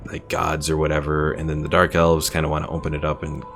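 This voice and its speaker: On a strategy game stream, a man with a deep, gravelly voice gives casual gameplay commentary, speaking fast and in a monotone. He rambles and reads viewer messages and lore text aloud, with soft game music faintly in the background.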